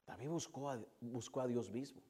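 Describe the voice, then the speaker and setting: A man preaching a sermon, moving between hushed, drawn-out passages and loud, fervent build-ups. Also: medium pitch, husky.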